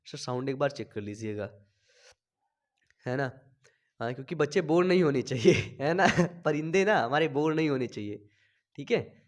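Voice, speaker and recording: A young man teaching a biology class in from a small home studio, talking slowly after a cough and checking in with his students all the time. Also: mid-range voice, expressive. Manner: chatty, checks in constantly with "thik hai". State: recovering from a cough, speaking slowly. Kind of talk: online class lecture. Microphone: sensitive desk mic.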